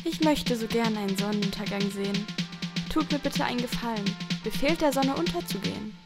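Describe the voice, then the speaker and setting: A woman's voice: fairly high pitch, brisk, lightly acted. Earnest wondering boy, voiced by a woman, light voice over a strong music bed. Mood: earnest, curious. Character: the Little Prince, a curious, earnest boy. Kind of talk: radio play acting. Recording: loud music underneath.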